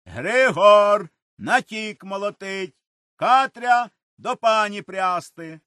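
A man voicing a harsh serf overseer who bellows drawn-out orders at a cottage door in a storybook reading. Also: sits high, expressive, pushed and bright, no echo, clean studio sound, pitched above the performer's own voice, full character voice. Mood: barking orders.

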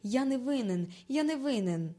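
A timid little boy pleads in a high, frightened voice, as a woman reads him in a storybook. Every word sounds fearful and small. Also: lively intonation, normal speed, warm tone, natural voice. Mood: pleading.

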